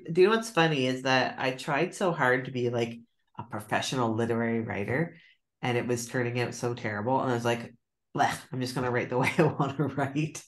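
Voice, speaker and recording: A middle-aged novelist from Nova Scotia, Canada, joins a book club over video call and chats loosely about her writing habits. Her voice rumbles low and moves fairly quickly, and she laughs easily while poking fun at herself in this casual conversation.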